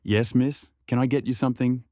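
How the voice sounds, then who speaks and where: A man's voice: medium pitch, steady tone, a little fast, warm tone, no room sound, pitched above the performer's own voice, natural voice. Casting: timid young male flight attendant, apologetic, dry booth, by the narrator. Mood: nervous. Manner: timid, apologetic, half-whispered.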